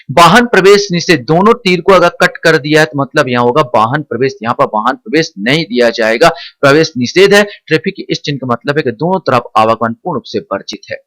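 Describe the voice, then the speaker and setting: A male teacher giving an exam-prep lecture, explaining slowly and repeating key points as he quizzes the listener. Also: a little high, a bit bright, no room sound. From India.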